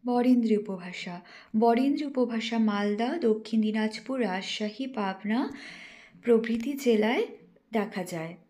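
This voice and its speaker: A young woman, a teacher trainee, reading a lesson aloud in a careful, instructive way and slowing down to spell out example words. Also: on the high side, dark tone. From West Bengal, India. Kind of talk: read-aloud lesson presentation.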